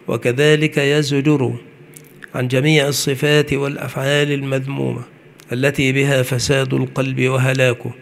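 A man giving a measured religious lecture, slowing down on his key points. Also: mid-range voice, gravelly. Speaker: preacher.

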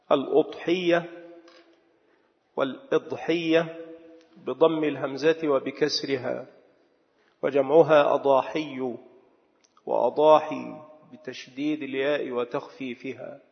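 A man delivering a sermon in a measured, dictating manner, slowly repeating words as if for note-taking. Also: mid-range voice. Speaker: preacher. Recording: dull echoing hall sound.

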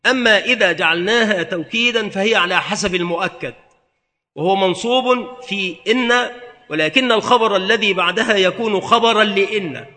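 A man's voice: high-pitched, normal speed, pushed and bright, in a large hall. A man giving a methodical classroom lesson on a religious text, spelling out word variants one by one. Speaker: religious teacher.

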